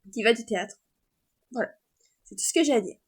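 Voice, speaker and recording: High-voiced woman gushing about fandom news. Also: fairly quick, breathy edge. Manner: excitable fan chatter, trails off and restarts. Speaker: vlogger sharing entertainment news. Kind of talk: casual chat.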